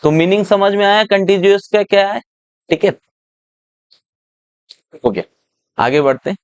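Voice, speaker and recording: A man teaching English for an exam, explaining a reading passage step by step and reading its English lines out slowly. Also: sits high, lively intonation, clear, resonant tone, no echo, highs cut off.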